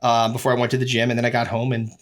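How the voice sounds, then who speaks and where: A man co-hosting a podcast in casual chat, excitable and swearing, quick to break into laughter. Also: medium pitch. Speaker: podcast co-host.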